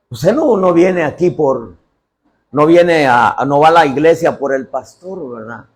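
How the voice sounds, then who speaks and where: A man preaching a sermon as pastor, acting out dialogues and bursting into shouts. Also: fairly high pitch.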